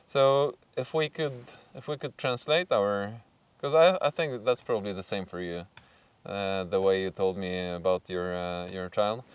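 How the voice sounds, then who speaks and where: A man's voice: on the low side, fairly even intonation, normal speed, few pauses, clean tone, no room sound, distant mic, dull audio. A man co-hosting a podcast, talking casually outdoors with lots of fillers and restarts. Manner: hesitant, many fillers and restarts. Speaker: podcast co-host. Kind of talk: casual chat.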